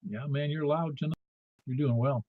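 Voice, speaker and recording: A man's voice: on the high side, steady tone, normal speed, no echo. A man hosting a ham radio net in a chatty, informal, casual style. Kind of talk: casual net control chat. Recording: slightly dull, dry lo-fi audio.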